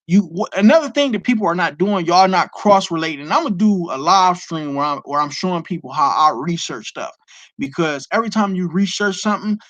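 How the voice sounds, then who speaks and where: A man from Detroit streams live in a fairly high, slightly bright voice, lecturing emphatically and answering viewers, with some profanity slipping through his casual, off-the-cuff talk. It is recorded close and dry, without room sound.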